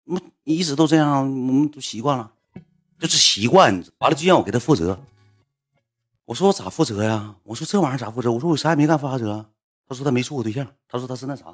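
Husky, lively Northeastern Mandarin man. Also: medium pitch, fast, faint music behind. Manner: slangy, animated, swears freely. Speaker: livestream storyteller. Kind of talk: casual anecdote telling.

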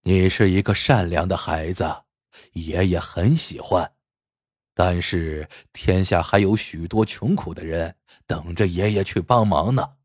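Guy putting on a low grave old man voice, slow and deliberate, storybook sage, bit husky. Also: lively intonation, a little mellow, no room sound, clean studio sound. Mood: kindly. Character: stern wise old man.

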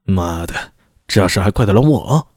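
Cursing hothead constable boss, deep dark voice, man reading it out, dry audiobook sound. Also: expressive, moderate pace, slightly rough, no room sound. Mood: angry. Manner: cursing, blustering. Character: furious foul-mouthed male constable chief.

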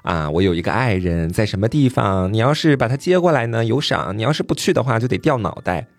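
A stern fairy-tale king who issues orders with threats, as a male storyteller plays him. The delivery is commanding, with a lively pitch, and the recording is dry and close. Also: fast talker, no room sound.

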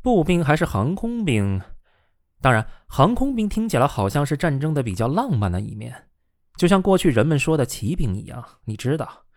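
A man reading the lines of a shrewd, easygoing young college student in a storybook reading, with a measured, wry delivery. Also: on the high side, big pitch swings, darkish tone, no echo, studio quality, pitched above the performer's own voice. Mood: musing.

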